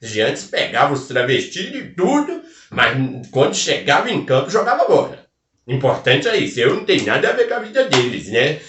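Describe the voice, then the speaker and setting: A man's voice: fairly high pitch, wildly swooping pitch, fairly quick, fairly bright tone. A man playing a folksy rural storyteller with a Minas Gerais caipira accent, rambling through a comic tale full of country interjections and asides. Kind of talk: comic folk tale telling. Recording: roomy sound from a distant mic.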